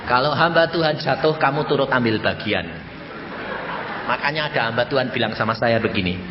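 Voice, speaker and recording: A man preaching a sermon as a pastor, animated storytelling with sudden jumps up in pitch when he acts out dialogue. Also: brisk, roomy sound, in a large hall, muffled recording, crowd noise, noisy background.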